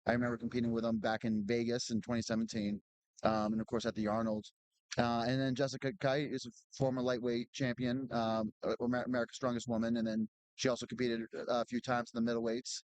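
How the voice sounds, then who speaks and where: A man calls a strongman event with a loose, chatty, knowledgeable delivery, often restarting his sentences. His voice is smooth and clear at a middle pitch. The sound is dry and close. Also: flat delivery, fast talker, a little mellow, no room sound, rough recording. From Boston area. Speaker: commentator. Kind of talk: live event commentary.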